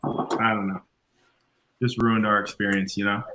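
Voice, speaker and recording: A man's voice: fairly low pitch, level tone, normal speed, noisy background. A man chatting casually as a guest, rambling with fillers. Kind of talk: casual chat.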